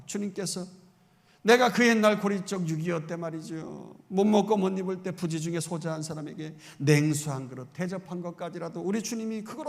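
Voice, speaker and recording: A middle-aged male pastor preaches with fervor, his fairly high voice rising into loud exclamations and then easing into chatty rhetorical questions. The sound carries a long reverb from a church sanctuary. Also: creaky. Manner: fervent, emphatic preaching with sudden loud exclamations; conversational asides and rhetorical questions to the congregation. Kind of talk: Sunday sermon.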